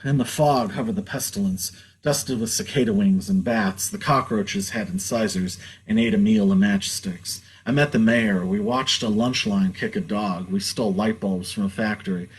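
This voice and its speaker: A man's voice: on the low side, normal speed, hardly any pauses, slightly rough, low-quality recording. A man performing spoken-word poetry in a rhythmic, dramatic recitation.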